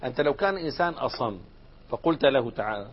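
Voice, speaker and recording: A man's voice: mid-range voice, lively intonation, fast, slightly rough. A man teaching a grammar lesson, putting questions to his class and answering them himself, shifting between formal and colloquial speech. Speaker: sheikh teaching Arabic grammar. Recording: dull lo-fi lecture recording.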